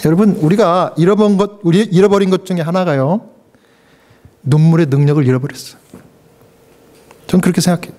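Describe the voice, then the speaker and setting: A man with a high voice preaches a sermon with deep feeling. He talks straight to his congregation and asks them questions. His pitch leaps sharply in his most stirring moments. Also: brisk, long pauses, mellow. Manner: emotional preaching with sudden pitch leaps and acted quotes. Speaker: pastor.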